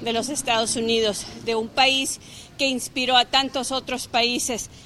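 Diplomat speaking with fillers. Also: female voice, on the high side, level tone, bright, forceful tone, a little hiss or hum. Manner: halting, with fillers. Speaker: embassy diplomat.

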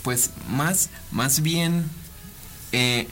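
A man in his thirties with a Mexican Spanish accent, a band member talking in a relaxed, rambling way. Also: medium pitch, extremely slow, soft background music. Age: 30s. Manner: relaxed, rambling, many fillers. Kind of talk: casual interview.

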